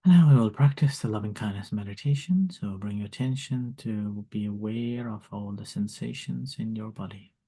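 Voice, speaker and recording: A monk who teaches meditation, a man with a lowish, husky voice, gently guides a calm grounding exercise. His instructions are slow and soft, separated by long pauses.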